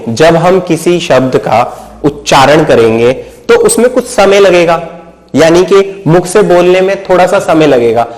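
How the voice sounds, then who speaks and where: A man from Uttar Pradesh teaching a Hindi lesson, his voice sitting fairly high. He mixes English words into his Hindi, asks questions and answers them himself, and keeps checking that his students follow. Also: low-quality recording. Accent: Hindi mixed with English words. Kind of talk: explanatory video lesson.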